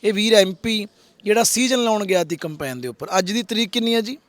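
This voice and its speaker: A man makes an earnest appeal, pleading and repeating his requests. His voice sits fairly high and is recorded close and dry. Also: expressive, quick pace, no room sound. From Punjab, India. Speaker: social worker, host of an appeal video. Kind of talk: public appeal to viewers.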